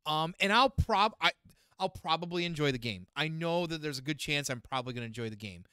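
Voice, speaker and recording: A man's voice: fairly high pitch, animated, a little fast, bright, forceful tone, smooth, no room sound, clean studio sound. A man co-hosting a podcast in casual chat, crude and enthusiastic, often stumbling on his words. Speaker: podcast co-host.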